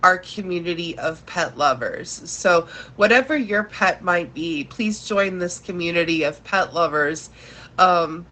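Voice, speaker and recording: A woman's voice: lowish voice, lively intonation, measured pace, a bit bright, rough recording. A woman hosting a casual livestream, thanking her viewers often, with a congested, nasal voice from a blocked nose. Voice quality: stuffy, nasal sound from congestion. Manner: effusively thankful, addresses audience as "you guys". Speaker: live show host.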